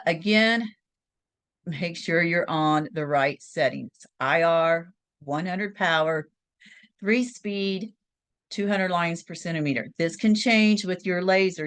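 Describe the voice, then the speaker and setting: A woman's voice: fairly low pitch, clean tone, no echo, rough recording. Chatty woman talking through a tutorial. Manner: chatty step-by-step explaining, thinking aloud. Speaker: crafting tutorial host. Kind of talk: screen-share laser engraving tutorial.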